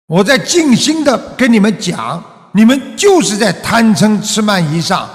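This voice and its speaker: A man preaching a Buddhist sermon as teacher, asking his listeners many rhetorical questions and ending phrases with a drawn-out 'ah'. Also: sits high, sing-song. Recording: long reverb of a large hall.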